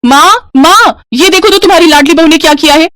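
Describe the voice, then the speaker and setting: A woman voicing a spoiled, scheming young sister-in-law in an animated storybook, with a shrill, sneering, bossy manner. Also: brisk, a little hiss or hum, close to an everyday voice. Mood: accusing.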